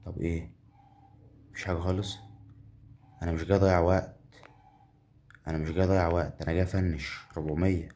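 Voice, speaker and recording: A man's voice: sits low, level tone, fast talker, long pauses, mellow. A man with an Egyptian accent giving chatty live commentary on a game, counting winnings aloud and talking straight to the viewer. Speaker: gambling game streamer.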